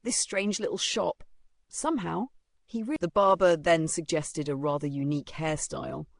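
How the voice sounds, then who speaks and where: A narrator telling a story recap with dramatic, halting phrasing, close on a dry mic. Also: mid-range voice, gravelly, dry recording.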